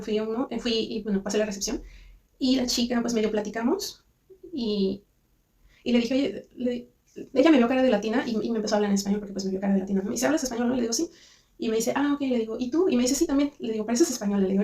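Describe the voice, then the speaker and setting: A woman's voice: fairly high pitch, racing, dark tone, far from the mic. A young Mexican woman with a Mexican accent telling a personal story in a rambling, chatty vlog monologue full of restarts. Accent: Mexican Spanish. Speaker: vlogger.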